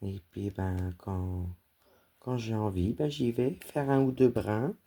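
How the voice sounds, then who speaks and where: A woman's voice: rumbling low, fairly even intonation, takes it slowly, dark tone. A woman cross-stitch vlogger chatting casually while she stitches and talks fondly to her dog.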